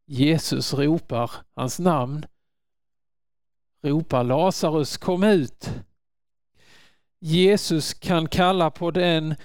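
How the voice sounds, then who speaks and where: A man preaching a sermon in an earnest manner, rising to loud calls when quoting. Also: on the high side, smooth, dry recording, studio quality.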